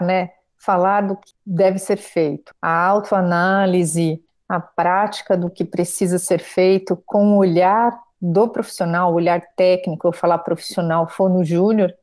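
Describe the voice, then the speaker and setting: A woman with a dark, mellow tone and a slightly low voice. She speaks in measured, explanatory phrases and steers the talk with follow-up questions, like a host running an interview. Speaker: host, speech therapist. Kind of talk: conversational interview.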